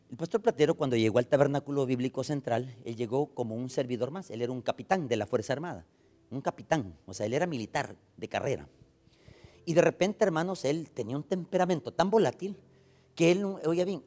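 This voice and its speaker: A man with a Salvadoran accent preaching a sermon, emphatic and swinging between loud and soft, often calling out to the brothers. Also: medium pitch.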